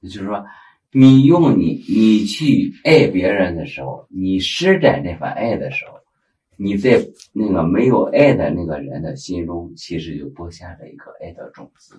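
A man with a very deep voice sums up a point of faith in reflective commentary. His pitch swings widely as he explains in measured teaching phrases. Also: expressive, warm tone, rough recording.

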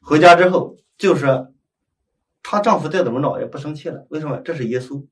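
A man's voice: fairly high pitch, fairly quick. Man telling a prayer story from a distance. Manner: retells dialogue in lively acted-out quotes. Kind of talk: storytelling in conversation.

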